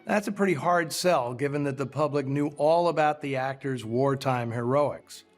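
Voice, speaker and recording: A man hosting a film program, delivering scripted commentary in a measured, articulate storytelling way. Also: mid-range voice, faint music behind. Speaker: film show host.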